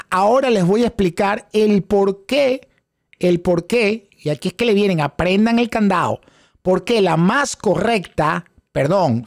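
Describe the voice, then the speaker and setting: A middle-aged man with a fairly high voice leads a live online class. He repeats key phrases and drops English terms into his Spanish as he questions viewers. The sound is close and dry, from a desk microphone. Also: creaky, darkish tone, dry recording. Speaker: instructor in options trading. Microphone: close studio microphone on a desk setup.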